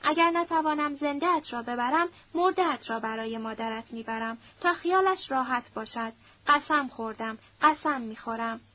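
A determined young man in a spoken story who gives short, urgent commands, as a woman reads him. The voice sits high, and the recording sounds dull and lo-fi. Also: close to an everyday voice. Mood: stern.

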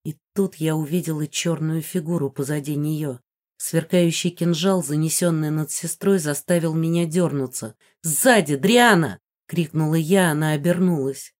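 Low-voiced woman narrating a fantasy audiobook. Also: fairly even intonation, normal speed, mellow. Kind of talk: first-person fantasy novel narration.

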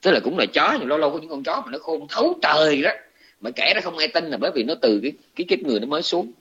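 A man with a Southern Vietnamese accent, a Buddhist monk giving a dharma talk, retelling a scripture story in a colloquial, animated way. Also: a little high, rapid-fire, breathy edge. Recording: dull lo-fi recording.

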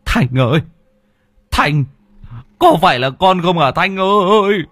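A man's voice: fairly high pitch, animated, very slow, a bit bright, no echo, voice pushed up, heavily acted. A man voicing a grieving father in his sixties who cries out in anguish and stammers. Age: 60s. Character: grieving old father, anguished, war veteran.

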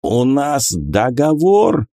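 Give me a desperate dark god yelling in panic, played by a man, high and strained. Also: measured pace, no room sound, studio quality. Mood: demanding. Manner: shouting, panicky.

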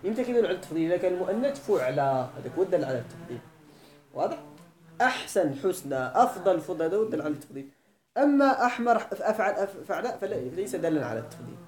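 A man's voice: sits high, big pitch swings, very fast, reverberant. A man with a Moroccan accent giving a grammar lecture, often checking that his students follow. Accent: Moroccan Arabic. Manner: quizzes students with repeated questions. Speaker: teacher of Arabic grammar. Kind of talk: classroom lecture. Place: lesson hall.

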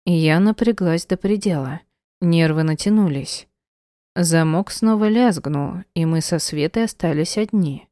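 A woman reads a first-person audiobook in a measured, tense manner. Her voice is low and mellow, and she takes her time over every sentence. The recording is dry and close to the mic. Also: dry recording. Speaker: audiobook narrator.

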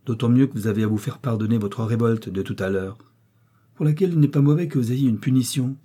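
A man's voice: mid-range voice, quick pace, warm tone, husky, natural voice. A man voicing a cold, despotic young prince who speaks to his wife in a curt, commanding way. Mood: coldly commanding.

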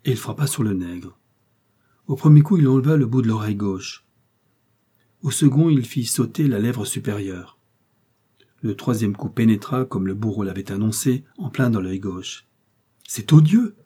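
Low, husky male audiobook narrator. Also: warm tone. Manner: measured, dramatic. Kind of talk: scripted novel narration.

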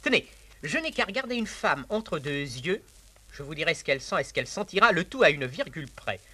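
A man's voice: fairly high pitch, big pitch swings, brisk, sharp tone, full character voice. An actor playing a sly, scheming male valet in a 1950s classical stage comedy, wry and theatrical. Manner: wry, theatrical, relishes his own cleverness.

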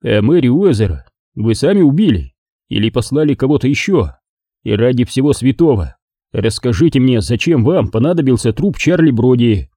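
A man's voice: medium pitch, sing-song, normal speed, dark tone, no echo, studio quality. A man reading an audiobook and voicing a blunt, persistent male detective who questions accusingly. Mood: accusatory.

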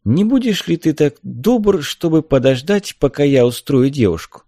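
A man's voice: on the high side, lively intonation, moderate pace, warm tone, no room sound, studio quality, pitched above the performer's own voice. A man voicing a gracious, composed noble woman in a storybook reading. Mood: gentle.

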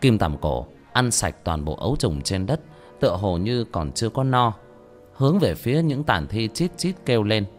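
A man narrating a fantasy novel as an audiobook, in steady storytelling that rises on action. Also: lowish voice, normal speed, faint music behind.

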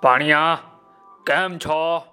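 A man voicing a kind male dog in a children's tale, dropping his voice low and speaking comfortingly. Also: steady tone, slow pace, bright, forceful tone, clear, resonant tone, faint music behind. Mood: kindly.

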